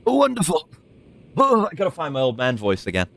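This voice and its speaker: A man's voice: medium pitch, very animated, rapid-fire. A man giving casual gameplay commentary, thinking aloud in a rambling way. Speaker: video game streamer.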